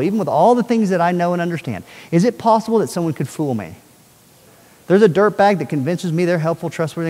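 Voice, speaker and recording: A middle-aged man giving an energetic talk to an audience and often checking that they follow him. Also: a little high. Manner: animated, asks the audience questions often. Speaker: speaker on child safety. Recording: long hall reverb.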